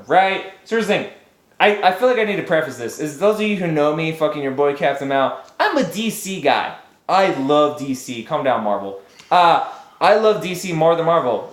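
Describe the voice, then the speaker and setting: A man's voice: on the high side, a bit bright. A man co-hosting a casual chat, ranting heatedly and swearing a lot. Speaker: podcast co-host. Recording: echoey room.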